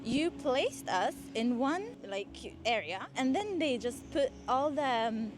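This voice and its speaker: A woman from Syria answering a street interview in a relaxed, frank way, often saying "like" and "actually". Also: high-pitched, measured pace, background noise.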